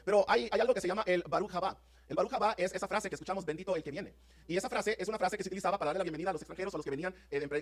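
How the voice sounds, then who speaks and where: A man preaching a sermon to his congregation as pastor, fervent and emphatic, often asking if they are with him. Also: sits high. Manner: fervent, rapid preaching with rising emphatic peaks; addresses congregation as brothers, asks "¿están conmigo?". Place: church sanctuary.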